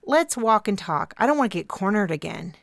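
A woman voicing a wry, practical young woman friend with a dry, matter-of-fact delivery and a gravelly voice. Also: medium pitch, very animated, brisk, no room sound.

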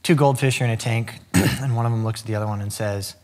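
A man's voice: mid-range voice, quick pace, a little mellow. A middle-aged man telling clean jokes in a casual, folksy storytelling way, acting out bits of dialogue. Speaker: contestant in a joke-telling challenge. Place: indoor studio set.

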